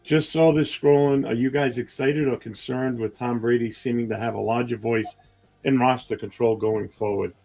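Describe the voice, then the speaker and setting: A man hosting a casual podcast panel, talking in a relaxed, laid-back way. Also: mid-range voice, moderate pace, gravelly, faint music behind. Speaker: host. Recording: dull lo-fi sound.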